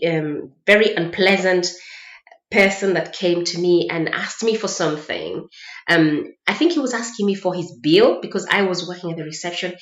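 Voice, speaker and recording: A low-pitched woman from Mombasa, Kenya, tells personal stories casually as a vlogger. The room is echoey and the sound dull and lo-fi.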